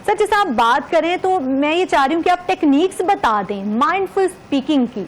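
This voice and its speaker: A woman's voice: high-pitched, expressive. A woman hosting a TV talk show, politely addressing her guest and introducing the segments. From Pakistan. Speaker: TV show host. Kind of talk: studio TV interview hosting.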